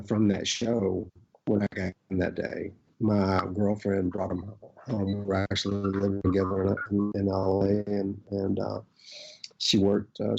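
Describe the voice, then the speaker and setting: Mellow, husky man with an Arkansas accent. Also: on the low side. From Arkansas, United States. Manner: rambling, halting storytelling. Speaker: actor, podcast guest. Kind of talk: casual reminiscing in an interview. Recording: dull, lo-fi audio.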